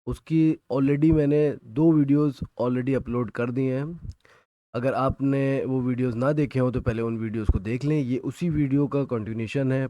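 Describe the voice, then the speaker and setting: A man with an Indian accent teaching a recorded physics lesson, explaining in Hindi and reading out English definitions slowly. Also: medium pitch, dark tone, no echo.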